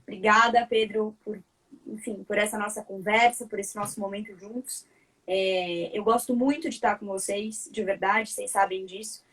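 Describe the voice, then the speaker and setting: A woman's voice: medium pitch, steady tone, moderate pace, fairly bright tone, husky. Reflective woman, far from the mic. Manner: reflective, asks rhetorical questions. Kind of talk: casual online panel talk.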